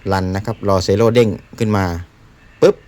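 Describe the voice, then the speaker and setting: A man's voice: fairly low pitch, steady tone, normal speed, darkish tone. A man giving a casual product demonstration as a seller. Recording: faint background noise.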